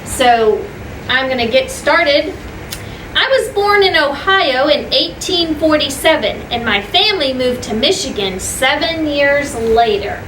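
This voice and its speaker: This teacher speaks in a high, animated voice without hurrying as she reads a story to children. She stops for simple explanations, goes over points again and quizzes her listeners. The room is echoey, the mic far off, and background noise is clearly audible.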